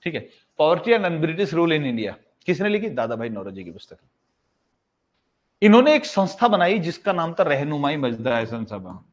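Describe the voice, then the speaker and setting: Casually calling his students "bhai," a male teacher gives an exam-prep history lesson, asking questions, answering them himself and repeating the key facts. His voice is a little high and sing-song at normal speed. The lo-fi recording sounds slightly dull.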